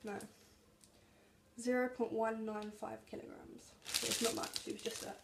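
A young adult woman vlogger chats through a grocery haul in a small home kitchen, holding the camera at arm's length and reading out labels and calorie counts. Her voice is fairly high and gravelly, with little pitch movement, at a normal speed. The kitchen sounds echoey and there's background noise.

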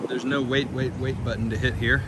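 A man's voice: mid-range voice, little pitch movement, fairly quick. A man with a Southern twang hosting a live-stream walk outdoors, chatting casually and greeting viewers by name from his phone. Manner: friendly, greets chat viewers by name, chuckles. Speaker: live-stream walking host. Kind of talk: casual live-stream chat while walking. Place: outdoors on a city street. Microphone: phone carried while walking. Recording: loud street noise and traffic.

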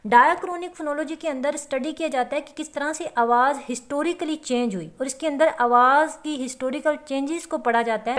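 A woman with a high voice teaches a lesson, walking through each term step by step. She slows right down when she reads out the English definitions. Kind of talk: classroom-style lecture.

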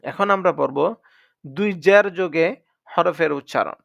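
A man's voice: a little high, a little slow, gravelly, a bit bright, dry recording. A man teaching Quran reading, patiently drilling letter sounds one by one. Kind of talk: spoken lesson. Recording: dry, dull lo-fi sound.

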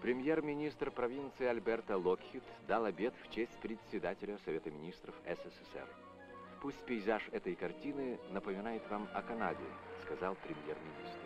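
Old newsreel voice-over, low-ish guy, formal and measured, muffled film sound with music under it. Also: lively intonation. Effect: old Soviet newsreel voice-over. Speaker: newsreel narrator. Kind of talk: scripted narration.

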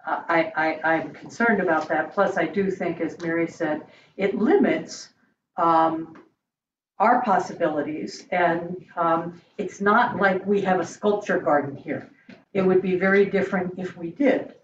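A woman board member explaining her view at a meeting in a hesitant, halting, measured way. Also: lowish voice. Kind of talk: deliberative meeting discussion. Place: indoor meeting room around a large table. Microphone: far room mic on a video call. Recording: echoey room, distant mic, dull, faint noise.

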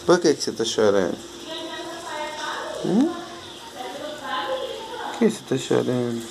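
A man talking in soothing baby talk to a crying puppy, asking the same gentle questions over and over. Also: medium pitch, big pitch swings, unhurried, creaky, crowd noise, low-quality recording. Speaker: puppy owner filming his dogs. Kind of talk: home video, talking to a puppy.

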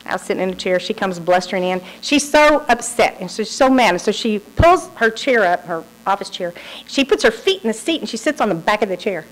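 A woman lectures through stories, bringing them to life by acting out the people she quotes. Her mid-range voice runs a little fast, and the recording is rough.

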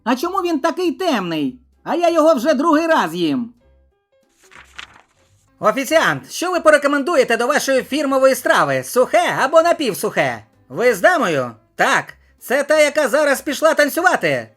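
Female joke reader with a high, animated voice and soft background music; she deepens her voice for the men in each joke. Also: moderate pace. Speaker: joke narrator. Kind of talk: reading a string of short jokes.

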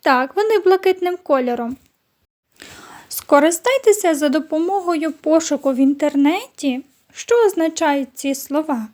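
High-voiced woman teaching young children. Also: animated, a little mellow. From Ukraine. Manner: slow, clear classroom instructions with questions to pupils. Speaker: primary school teacher. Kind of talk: recorded online lesson for children.

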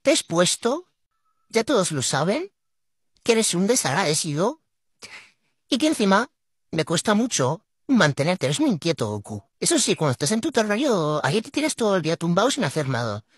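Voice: medium pitch, very animated, moderate pace, husky, dry recording, clean studio sound. A vlogger speaking through a voice changer filter that swaps the apparent gender, scolding their pet to camera in an exasperated, mock-dramatic way. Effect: voice changer filter, gender-swapped sound.

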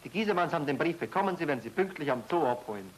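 An actor playing a carefree, joking bachelor, in 1930s film comedy style. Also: male voice, a little high, animated, very fast, a little hiss or hum, close to an everyday voice, poor audio. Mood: breezy. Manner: breezy, joking. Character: easygoing bachelor man, teasing and carefree.

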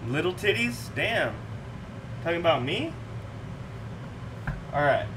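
A young host cooks in his kitchen on a livestream, relaxed and chatty with the people in chat. He speaks slowly but is very animated, with a voice on the high side, and the distant mic picks up clear room noise.

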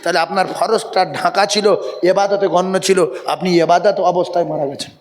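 A man delivers a sermon in a high, lively voice. He tells comic stories and urges his listeners to answer him louder. The sound carries a long reverb, as in a large venue. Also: normal speed, slight background noise. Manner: animated, calls on the crowd to repeat loudly. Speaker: Islamic preacher. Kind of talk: Bengali waz sermon.

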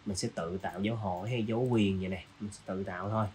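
A man hosting a design software tutorial, casually walking through each step with lots of fillers. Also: lowish voice, fairly even intonation, quick pace, slight background noise. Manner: casual, walks through steps with many fillers. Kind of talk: screen-recorded software tutorial.

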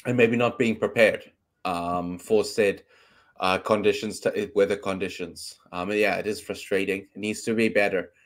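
A South African podcast host in his thirties, whose first language is Afrikaans, runs a casual sports talk show from his bedroom over a video call on a webcam mic. His voice is on the low side with fairly even intonation at normal speed, and he chats and rambles with plenty of ums.

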